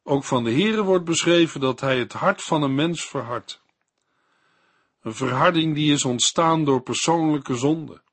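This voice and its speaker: A man reading a scripted Bible commentary in a measured, didactic way. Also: fairly high pitch, breathy edge. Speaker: Bible teacher.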